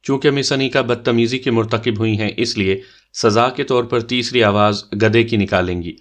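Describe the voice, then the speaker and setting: A man voicing a young woman cousin who gently teases her friend with dares. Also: medium pitch, lightly acted. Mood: teasing. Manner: gently teasing.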